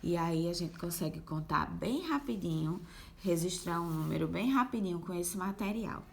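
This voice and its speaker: A woman's voice: on the low side, expressive, normal speed, gravelly, a little hiss or hum. A woman teaching young children, explaining a worksheet patiently step by step and sounding out syllables. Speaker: primary school teacher.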